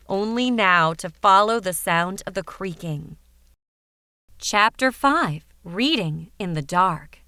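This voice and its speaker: A woman narrating a fairytale audiobook in a measured, even way. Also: mid-range voice, no echo. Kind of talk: scripted storybook narration.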